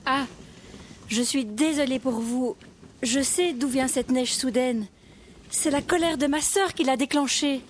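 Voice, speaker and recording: A woman's voice: high voice, unhurried, a little hiss or hum. A woman voicing a spirited young princess who speaks earnestly and insistently, in a storybook recording. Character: spirited young princess searching for her sister. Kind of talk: storybook audio acting. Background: music.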